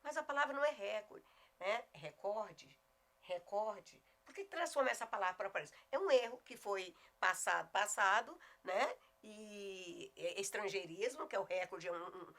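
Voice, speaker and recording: A middle-aged woman with a Goiás Brazilian accent teaching a video lesson on spelling, emphatic and often slowing down to spell words out. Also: mid-range voice, animated, fairly bright tone. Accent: Goiás Brazilian Portuguese. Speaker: Portuguese teacher.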